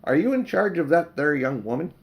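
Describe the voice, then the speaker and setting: A man's voice: a little high, big pitch swings, brisk, voice pushed up. A man voicing a stern, officious London policeman in a storybook, talking in a bossy, official way with dropped aitches.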